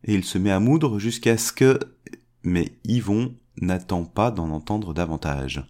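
A man reading a fairy tale aloud as a storyteller, changing his pitch to give each character a voice. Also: animated, unhurried, darkish tone.

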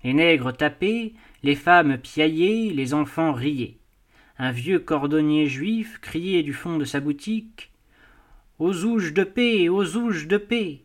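A man reading a classic novel aloud as an audiobook, with expressive, measured storytelling. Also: on the high side. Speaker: audiobook reader. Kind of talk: scripted narration of a classic novel.

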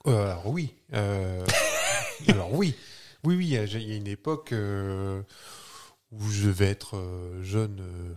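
A man in his thirties co-hosting a chat podcast, reminiscing hesitantly with many pauses. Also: on the low side, expressive, a little mellow. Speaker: podcast co-host. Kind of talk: casual banter.

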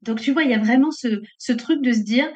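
A woman's voice: a little high, fairly quick, a little mellow. A middle-aged woman entrepreneur speaking reflectively and earnestly as an interview guest. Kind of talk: casual interview conversation. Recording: muffled lo-fi audio.

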